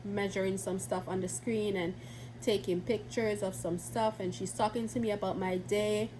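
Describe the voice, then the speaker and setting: The audio is poor, with a little hiss or hum, as a young woman with a medium-pitched, slightly mellow voice chats to camera. Congested from a cold, this vlogger tells a casual, meandering story, full of fillers and restarts.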